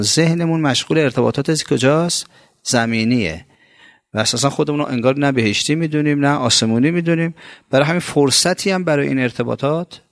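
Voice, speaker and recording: A man with an Iranian Persian accent giving a colloquial religious sermon, talking conversationally and swinging between raised, emphatic lines and low, drawn-out phrases. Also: creaky, no echo, studio quality. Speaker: preacher.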